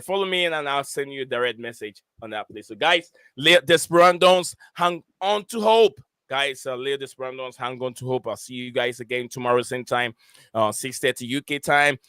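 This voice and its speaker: Hosting a casual football podcast live stream, a man reads out viewer comments hesitantly, packing his speech with fillers. His medium-pitched voice sounds pushed and bright yet clean, and the recording is dry.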